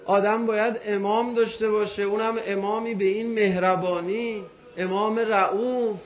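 A high-pitched man delivers an emotional sermon, telling an old story with passion and turning to address the crowd of listeners. The sound is a bit muffled and lo-fi. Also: flat delivery. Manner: impassioned, addresses listeners directly. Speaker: religious preacher.

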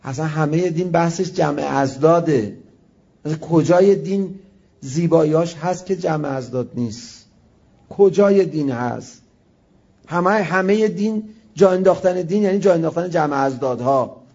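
A male preacher gives an impassioned religious sermon, his fairly high voice gravelly and mellow. He fires off rhetorical questions and moves from hushed to loud. The recording sounds dull and lo-fi.

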